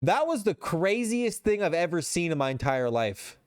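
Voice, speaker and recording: A man's voice: sits high, big pitch swings, normal speed, clean tone. A man streaming live, chatting casually with his chat in a rambling way and reading posts aloud.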